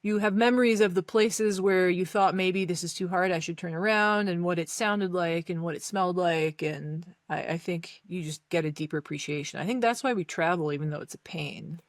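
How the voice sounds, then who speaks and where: A woman's voice: lowish voice, fairly quick, few pauses, no room sound, studio quality. A woman from Greece, a podcast guest, explaining her thoughts at length in casual conversation.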